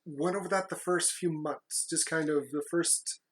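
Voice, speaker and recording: A woman with a low-pitched voice talks casually as a podcast co-host. She speaks in a halting way, doubling back on words as she chats. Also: a little hiss or hum.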